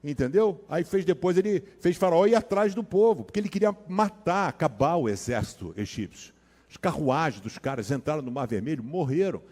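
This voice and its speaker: A Brazilian man preaches in a casual, slang-filled way, dropping to hushed asides and then rising into loud, dramatic storytelling. His voice sits fairly high for a man. Long reverb from a large hall trails after his words. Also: lively intonation, fairly quick. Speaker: pastor. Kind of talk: sermon with personal storytelling.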